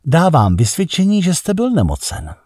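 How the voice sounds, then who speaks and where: A man's voice: on the high side, wildly swooping pitch, darkish tone, no echo, clean studio sound, pitched above the performer's own voice. A man voicing a cool, mocking, self-assured woman in a story reading, asking provocative questions. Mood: teasing.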